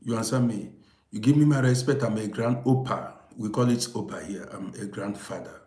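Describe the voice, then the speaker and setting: An Austrian man of fifty-eight from Vienna runs a relaxed livestream, telling stories and driving his words home to viewers through emphatic repetition. His voice is lowish and a little mellow at normal speed, and the recording has an echoey room sound.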